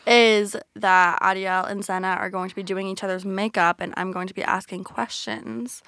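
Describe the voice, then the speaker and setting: A woman's voice: medium pitch, steady tone, moderate pace, a bit bright, no echo, clean studio sound. A young adult woman co-hosting a podcast in casual, informal chat, often peppered with filler "like". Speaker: podcast co-host.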